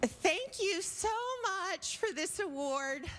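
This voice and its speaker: A woman voicing a gushing adult-film actress giving an award thank-you speech in a breathless, high voice. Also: lively intonation, slow, exaggerated voice. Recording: loud noise over the voice.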